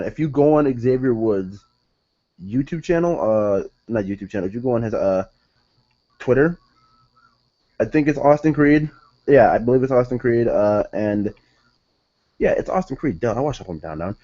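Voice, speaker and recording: A man's voice: medium pitch, animated, a little slow, long pauses, warm tone, muffled recording. A young man reviewing a wrestling show in casual solo talk, rambling, correcting himself and sounding exasperated.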